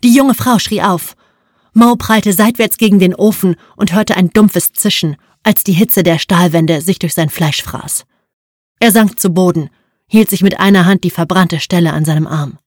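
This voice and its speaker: A woman narrating an audiobook in a measured, vivid storytelling manner. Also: lowish voice, darkish tone, no echo, studio quality. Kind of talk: scripted narration.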